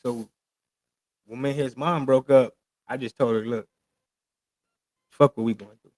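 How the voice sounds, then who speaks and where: A man's voice: medium pitch, steady tone, measured pace, darkish tone, dry recording. A man in his late thirties in casual podcast chat, talking in loose, slangy, emphatic stories. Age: 30s. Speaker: podcast host.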